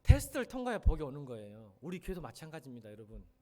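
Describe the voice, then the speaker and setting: A middle-aged male senior pastor preaching a sermon in a church sanctuary, emphatic and animated, often acting out the lines he quotes. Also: mid-range voice, rapid-fire.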